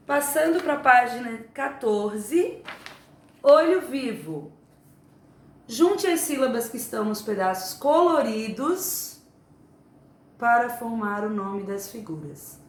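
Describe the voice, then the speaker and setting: Woman teaching little kids, patient and slow, high-ish voice, roomy echo. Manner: patient, explains slowly to small children. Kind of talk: remote lesson for young children. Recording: echoey room, faint ambience.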